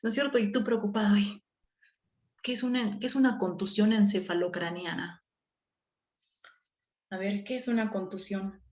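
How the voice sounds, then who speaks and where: A woman, teaching a language class in an animated way and checking often that her students follow. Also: mid-range voice, moderate pace, pauses often. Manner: animated, with frequent checking questions. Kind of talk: classroom lecture. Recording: echoey room.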